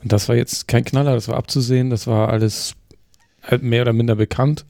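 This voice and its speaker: Fast-talking man with a gravelly voice. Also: mid-range voice, steady tone, mellow, no echo, clean studio sound. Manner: quick wry remarks. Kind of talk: casual tech podcast chat.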